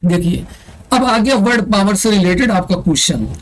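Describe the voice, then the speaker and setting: This online English grammar lesson for exam prep is taught by a man whose voice sits high, speaking at a normal pace over a low-quality recording. Step by step, he raises questions for the class, answers them himself, and keeps repeating key terms.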